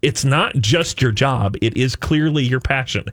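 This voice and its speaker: Man, conversational talk show speech, raspy texture, medium pitch. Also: unhurried, a bit bright.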